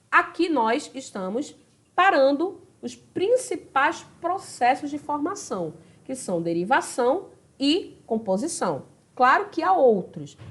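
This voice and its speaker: A woman's voice: a little high, fairly bright tone. A woman with a Brazilian Portuguese accent teaching a grammar lesson, talking straight to her students and checking in with them often. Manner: chatty, addresses students directly with tag questions. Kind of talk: recorded video lesson.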